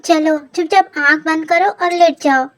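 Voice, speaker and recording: A man's voice: very high voice, steady tone, unhurried, fairly bright tone. A reader doing a bossy, scolding rich young man. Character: stern rich young man, gruff caretaker. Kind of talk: fan audio story.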